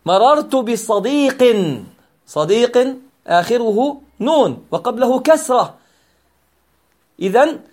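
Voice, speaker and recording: A man teaching an Arabic grammar lesson, patiently repeating key points and asking and answering his own questions. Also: very high-pitched.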